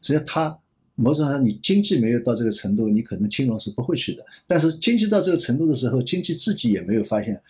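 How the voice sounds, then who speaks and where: 一位男性银行业专家在访谈中回答问题，说话边想边讲，常重复词句。. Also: male voice, mid-range voice, lively intonation, quick pace, darkish tone. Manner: rambling, repeats phrases while reasoning aloud. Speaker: banking expert guest. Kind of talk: thoughtful interview answers.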